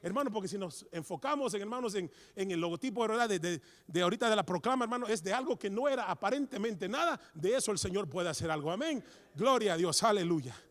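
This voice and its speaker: A man preaches with fervor, his high voice climbing into shouts as he calls out to his brothers again and again. The sound carries a long reverb from a church hall. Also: expressive, fast. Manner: fervent, repeats "hermano" constantly, rises to shouts. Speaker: preacher at a men's church meeting. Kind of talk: sermon.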